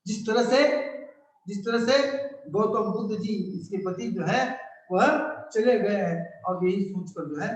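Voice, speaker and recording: A man's voice: high voice, measured pace. A male professor explaining a play in a lecture, asking rhetorical questions as he goes. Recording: echoey room, distant mic.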